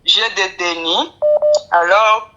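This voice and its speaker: A caller to a live coaching show, a woman from Kinshasa, Congo, tells her personal story in halting, broken French with a Congolese accent; French isn't her first language, and she slips on grammar and struggles with it. Deferential, she often addresses the coach by title. Her mid-range voice has a sharp tone, and the sound is lo-fi.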